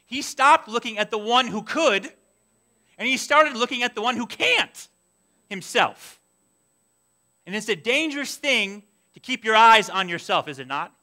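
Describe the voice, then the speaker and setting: A male pastor preaching a sermon in a church, animated and expressive, breaking into excited asides and imagined prayers. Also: extremely high pitch, measured pace. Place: church sanctuary.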